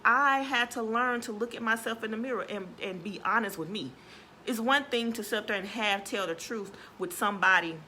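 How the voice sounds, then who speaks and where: A woman's voice: mid-range voice, a little fast, bright, forceful tone, slight background noise. A woman giving an earnest, casual motivational talk on a live stream. She often asks viewers "right?" and greets them by name between points. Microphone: phone or webcam for a social media live video.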